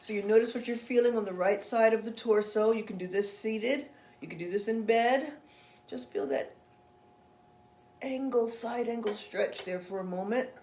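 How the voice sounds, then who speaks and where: Roomy-sounding woman guiding gentle yoga. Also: on the high side, normal speed, a little hiss or hum. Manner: chatty and encouraging, with laughs between cues. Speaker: yoga instructor. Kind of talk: guided gentle yoga instruction.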